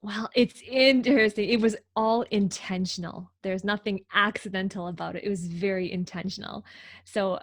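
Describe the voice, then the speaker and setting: A woman from Hong Kong, a guest on a video call interview, upbeat and quick to rephrase. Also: mid-range voice, steady tone, no echo. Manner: upbeat, laughs often, rephrases.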